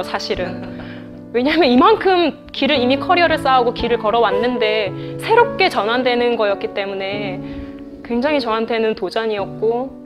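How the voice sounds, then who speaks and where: A woman in her thirties speaks earnestly and candidly about her life as a singer, laughing now and then. Her voice sits a little high. Soft instrumental music plays clearly beneath her. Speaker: CCM singer and classical vocalist, interviewee. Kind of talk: reflective interview answers. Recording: music bed under the voice.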